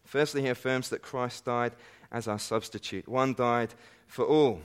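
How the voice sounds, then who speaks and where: An Englishman preaching to a conference crowd in a plain, mid-pitched voice. He speaks earnestly and piles up emphatic phrases toward each peak, then drops into quieter, heartfelt lines. Now and then he slips in a wry aside about himself. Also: steady tone, a little slow, clear, resonant tone. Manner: earnest, building to emphatic climaxes with self-deprecating asides. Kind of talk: sermon. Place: conference meeting hall.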